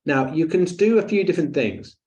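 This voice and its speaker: A man's voice: a little high, big pitch swings, a little fast, a little mellow, dull audio. A man teaching a breathing webinar in a chatty, jokey way with lots of fillers and asides. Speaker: breathing coach.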